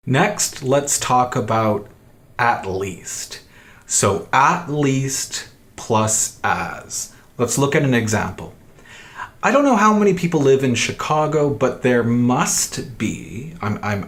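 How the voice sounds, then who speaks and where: A man in his thirties teaching an English grammar lesson, slow and deliberate, repeating key phrases for emphasis. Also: mid-range voice.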